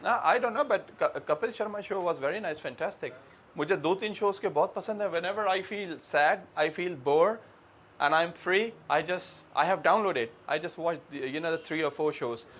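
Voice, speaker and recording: A man's voice: a little high, very slow, fairly bright tone, a little hiss or hum. A male English teacher giving a classroom grammar lesson, quizzing his students as he goes.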